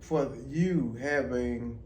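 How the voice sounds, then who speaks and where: A middle-aged father who talks in a halting way, stammering and repeating words, and gently teases his daughter. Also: medium pitch. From United States. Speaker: guest, the host's father. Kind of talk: casual heartfelt conversation. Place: indoors at a table. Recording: echoey room with faint background noise.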